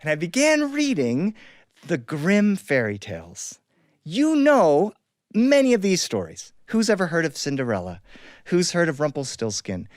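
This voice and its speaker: Animated male storyteller with sound effects. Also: fairly high pitch, moderate pace, no echo, studio quality.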